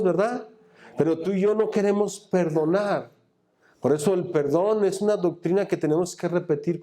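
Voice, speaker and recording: A man's voice: high voice, dark tone. A man preaching in church, reading scripture and asking the congregation to fill in the words. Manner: call-and-response questions to the congregation; reads scripture aloud and comments on it. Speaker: pastor. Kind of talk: sermon.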